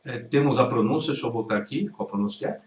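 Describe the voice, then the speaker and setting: A man's voice: medium pitch, racing. A Brazilian man teaching Hebrew, correcting a video point by point and repeating the right pronunciations. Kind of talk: critical lecture commentary. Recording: roomy sound from a distance.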